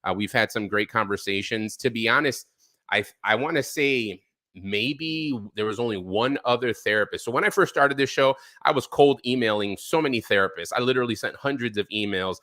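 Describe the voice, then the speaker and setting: A man's voice: mid-range voice, brisk, no echo. A man hosting a live-streamed interview show about therapy, talking loosely with lots of ums and uhs. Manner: relaxed, filler-heavy talk with frequent ums. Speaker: podcast host.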